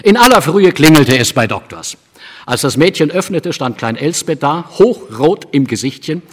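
Expressive male storyteller in echoing hall. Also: a little high, normal speed. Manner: expressive, animated reading. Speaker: narrator. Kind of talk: scripted storybook narration. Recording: long hall reverb.

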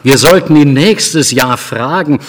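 A man's voice: fairly high pitch, long reverb tail, pitched above the performer's own voice. A man doing a stern, grave father. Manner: grave, measured. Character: stern, calm father of the house.

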